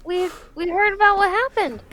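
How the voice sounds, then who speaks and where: A woman voicing an earnest, concerned young adventurer who speaks in a gentle, halting way. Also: very high voice.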